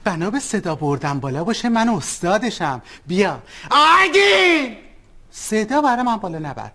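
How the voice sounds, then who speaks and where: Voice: mid-range voice, sing-song. A performer playing an overprotective older mother with a Persian accent in a comedy sketch, talking bluntly in broken English mixed with Persian. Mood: bossy.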